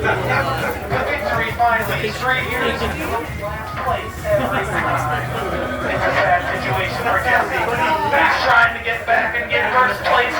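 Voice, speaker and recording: Guy hosting an eating contest, kinda high voice, sounds far off, loud crowd n music behind him. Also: roomy sound. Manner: loose, joking play-by-play. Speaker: contest emcee. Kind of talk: live event hosting. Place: indoor brewery event space.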